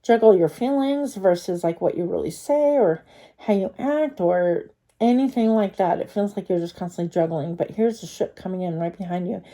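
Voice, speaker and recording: With a cold clogging her voice, a tarot card reader speaks at a moderate pace in a fairly low, mellow tone. She gives viewers a casual, talkative reading, often filling pauses and restarting sentences.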